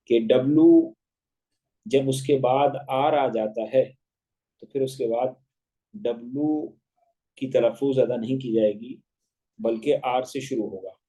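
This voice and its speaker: A man teaching an online English grammar lesson, spelling words letter by letter and deliberately contrasting wrong and right pronunciations over a class call. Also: mid-range voice, mellow, rough recording.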